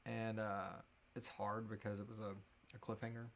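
Seated indoors in a small home room, this thirties-aged audio drama creator runs a live Q&A, fielding audience questions in a relaxed, jokey way. His voice sits on the low side, gravelly and level at a normal speed, with a little hiss or hum in the audio.

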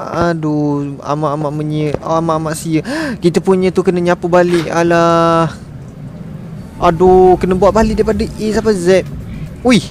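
A man's voice: fairly high pitch, darkish tone, slight background noise. A man with a Malaysian Malay accent giving casual, exasperated commentary while streaming a management game and talking to his viewers.

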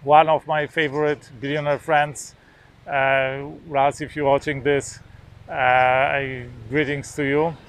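A man's voice: mid-range voice, little pitch movement, slow pace, a bit bright, clear, resonant tone. A man in his forties from Poland, a native Polish speaker, talking casually to the camera outdoors on a beach lawn, hesitant with many filler sounds and restarts. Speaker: vlogger.

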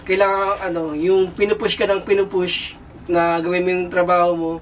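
Young man with a high voice, hesitant. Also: little pitch movement, moderate pace. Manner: hesitant, many fillers and restarts, searching for words. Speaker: cruise ship kitchen crew member. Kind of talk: casual interview answers. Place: aboard a cruise ship. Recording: distant mic with faint background noise.

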